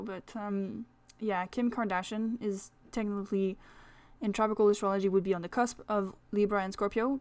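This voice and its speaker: A woman's voice: mid-range voice, dry recording. A woman with a French accent hosting a casual solo podcast, talking in a rambling, chatty way full of fillers. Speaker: astrology podcast host.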